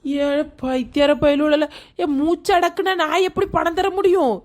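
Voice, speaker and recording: A woman's voice: high voice, normal speed, natural voice. A woman voicing a panicky middle-aged village mother-in-law, wailing and scolding her kidnappers. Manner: wailing, scolding, rambling complaints.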